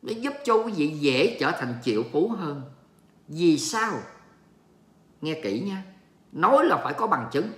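A man's voice: fairly high pitch, sing-song, a little slow, long pauses, fairly bright tone. A Vietnamese man hosting a casual livestream, reading viewer comments aloud and joking in an exclamatory way, mixing in English words. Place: home in Texas. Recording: echoey room.

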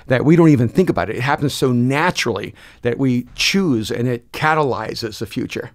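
This pastor and author, a man in his sixties born in El Salvador, guests on a podcast recorded in a dark studio with a close boom mic. He is expansive and gestures a lot while reflectively sharing stories, rushing in quick bursts before slowing down for emphasis, in an expressive, mid-range voice.

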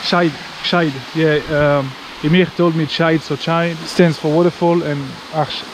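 Outdoor ambience surrounds this man as he strolls along forest walking paths, a travel vlogger rambling casually and informally with the odd swear word. He speaks at a measured pace in a level, slightly high voice.

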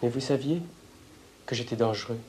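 A young man confronting his analyst in a heated argument, provocative, swinging between raised voice and hushed tones, caught on a portable tape recorder in an office. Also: mid-range voice, normal speed, a little hiss or hum. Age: young adult. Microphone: hidden portable tape recorder.

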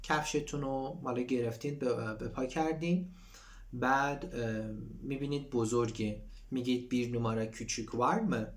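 Man, language teacher, reads Turkish lines then explains them, mid-pitched voice. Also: fairly even intonation. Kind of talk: explaining a textbook dialogue.

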